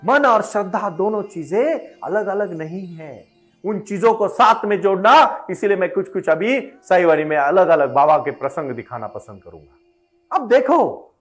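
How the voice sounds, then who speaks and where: A man giving an emphatic devotional motivational address, building into fervent exhortation. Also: high-pitched. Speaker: motivational spiritual speaker.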